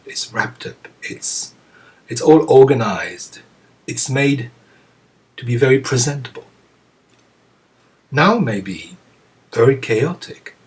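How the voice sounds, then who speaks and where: Slow, pausing man. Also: medium pitch. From France. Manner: slow, reflective, with frequent pauses and soft chuckles. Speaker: Zen teacher. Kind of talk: dharma talk to students. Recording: voice picked up from a distance.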